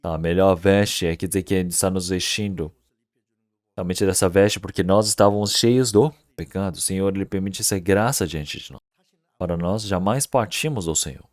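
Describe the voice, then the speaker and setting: Earnest low-voiced male pastor preaching. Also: moderate pace, no room sound. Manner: asks the congregation rhetorical questions; earnest, emphatic preaching with repeated words. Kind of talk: Sunday sermon. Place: church service.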